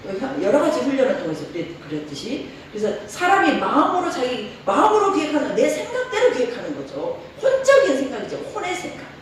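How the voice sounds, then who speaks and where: A middle-aged woman pastor preaching with a lively, swinging voice that sits a bit high. She laughs often and draws answers from the congregation. The sound is roomy and distant, with a long echoing church reverb and faint hiss behind it. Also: fast, hardly any pauses. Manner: lively preaching with frequent laughs and call-and-response. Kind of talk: sermon. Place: church sanctuary. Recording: echoey church hall from far off.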